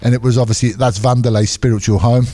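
A man's voice: medium pitch, fairly even intonation, fast talker, dark tone. A man with an English accent, co-hosting a casual podcast as a referee, rambling through stories with frequent laughs. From England. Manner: rambling storyteller who laughs often and restarts sentences. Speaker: MMA referee and podcast co-host.

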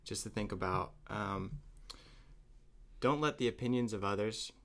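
Bright-voiced playful male therapist. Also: on the low side, measured pace. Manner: playful, joking, then earnest when giving advice. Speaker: psychotherapist guest. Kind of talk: casual interview chat.

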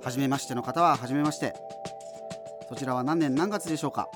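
This radio drama features a man acting as an amateur solo radio host in a doomed future, delivering a chatty, rambling monologue that keeps interrupting itself and wandering into casual asides. He uses a natural, medium-pitched voice, speaks a little fast, and music plays in the background.

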